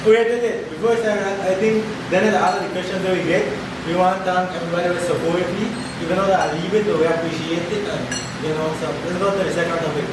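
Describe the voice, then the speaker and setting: A man's voice: high-pitched, fairly even intonation, quick pace. A man co-hosting a podcast in casual banter with friends. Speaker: podcast host. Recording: echoey room, distant mic, noisy background.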